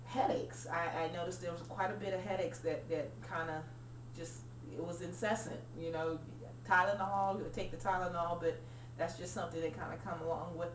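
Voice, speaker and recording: A woman's voice: fairly low pitch, roomy sound, far from the mic, a little hiss or hum, poor audio. A woman, a nurse talking earnestly through a personal video diary with frequent ums. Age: 40s. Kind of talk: casual personal vlog.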